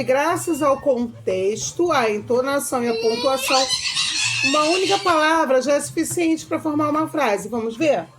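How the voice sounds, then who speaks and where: High-voiced Brazilian schoolteacher explaining. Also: female voice. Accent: Brazilian Portuguese. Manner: explains step by step, reads examples aloud with varied intonation. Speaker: teacher. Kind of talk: recorded video lesson.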